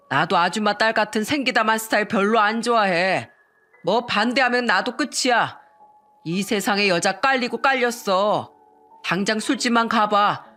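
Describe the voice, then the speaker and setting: A woman's voice: mid-range voice, fairly bright tone, natural voice. A woman reading the lines of a young male con-man fiancé, mocking and threatening in a synthetic-sounding voice.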